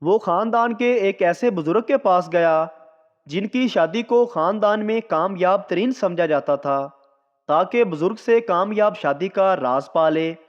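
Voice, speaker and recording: High-voiced man slowly reading jokes. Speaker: joke narrator. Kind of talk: scripted joke reading. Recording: dull lo-fi sound with long reverb.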